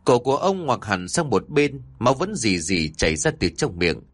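A man narrating a scripted horror story with dramatic, expressive delivery. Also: fairly low pitch, moderate pace, husky, no room sound.

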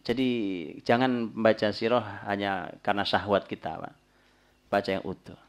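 A man's voice: normal speed, smooth. A man in his forties preaching a sermon with an Indonesian accent, talking straight to his listeners and raising his voice to act out quotes. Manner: lively, addresses listeners as "Pak", voice swings high when acting out quotes. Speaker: Islamic preacher. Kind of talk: lecture sermon to a congregation.

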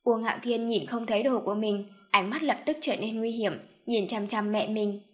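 A woman reads a novel aloud with steady, scripted narration. Her voice sits a little higher than usual for a woman. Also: moderate pace. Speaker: audiobook narrator.

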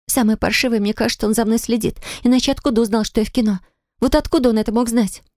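A woman's voice: on the high side, fairly even intonation, quick pace, a little mellow, dry recording, clean studio sound, voice pushed up, natural voice. A woman voicing a frightened, pleading young woman. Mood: distressed. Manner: breathless, pleading, upset. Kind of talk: audiobook character voicing.

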